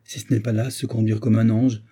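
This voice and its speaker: A man voicing an older, fussy, motherly gentlewoman who talks in an effusive, doting way. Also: fairly low pitch, little pitch movement, fairly quick, husky.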